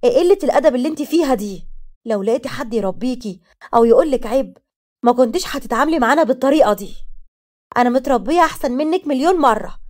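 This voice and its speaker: A woman's voice: fast talker, long pauses, darkish tone, close to an everyday voice. A woman voicing a frightened but fiercely loyal younger sister, speaking Egyptian Arabic in a raised, pleading voice. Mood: angry. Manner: pleading, pitched up.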